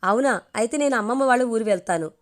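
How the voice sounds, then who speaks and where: A woman's voice: a little high, quick pace, lightly acted. A woman voicing an impatient young wife in a read-aloud story, calling out insistently.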